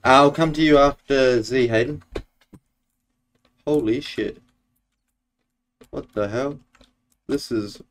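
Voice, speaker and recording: A man's voice: medium pitch, vocal fry, darkish tone. A young man chatting casually with viewers while streaming a game from home, laid-back and full of fillers. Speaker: Minecraft streamer. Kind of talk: casual live-stream gaming chat. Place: home room, indoors.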